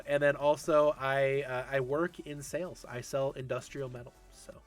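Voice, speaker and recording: A man in his late thirties hosts a casual livestream, reading and answering chat questions in a chatty, easygoing way. His voice sits at a medium pitch, and he laughs often. Faint music plays in the background. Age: 30s. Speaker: esports league host.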